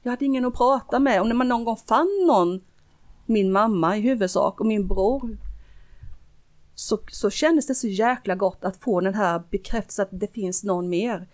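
A middle-aged woman, a guest, telling a personal story earnestly in casual conversation, with frequent restarts. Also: medium pitch. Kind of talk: casual interview talk.

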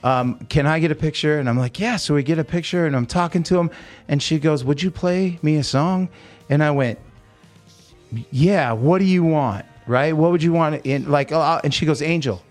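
A man with a somewhat high voice hosts a relaxed, informal chat. He tells anecdotes excitably, jumping into quoted lines, while music plays faintly behind him. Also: normal speed. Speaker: interview host and singer.

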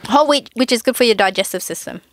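A woman's voice: on the high side, quick pace. A woman co-hosting a casual podcast, speaking frankly and giving blunt opinions. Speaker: podcast co-host.

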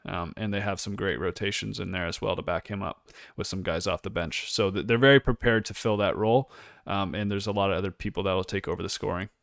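A man's voice: sits low, steady tone, fast talker, vocal fry, fairly bright tone, no echo, clean studio sound. A man co-hosting a casual sports podcast, rambling and full of fillers like "you know what I mean". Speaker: podcast co-host.

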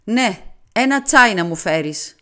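A woman's voice: mid-range voice, expressive, bright, forceful tone. A woman voicing a weary, tormented dying man in an audiobook, with pained, pleading words.

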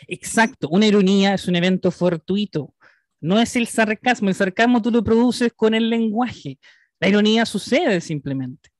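A man's voice: high voice, moderate pace, dry recording, studio quality. A Chilean man co-hosting a podcast, ranting crudely in casual banter and swearing often. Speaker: podcast co-host.

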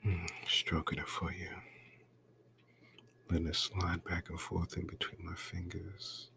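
A man doing an intimate ASMR role-play right in your ear, breathy and coaxing, close to the mic. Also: flat delivery, unhurried, slight background noise. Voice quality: breathy, mostly soft-spoken low voice.

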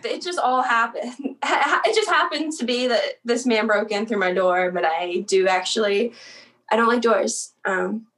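A young adult woman from South Central Pennsylvania, a guest in a casual interview, chatty and quick to laugh, often trailing off and restarting her sentences. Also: on the high side, fairly bright tone.

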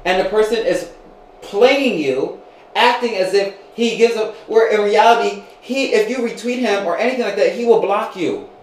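A man in his twenties hosting a casual chat, animated, gossipy and joking. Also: high voice, normal speed, echoey room, rough recording. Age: 20s. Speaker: podcast host.

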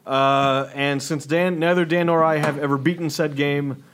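A man's voice: a little high, steady tone, moderate pace, fairly bright tone, a little hiss or hum. Young male co-host, twenties, teasing, casual banter. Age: 20s. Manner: joking, teasing. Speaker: podcast co-host. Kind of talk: casual chat.

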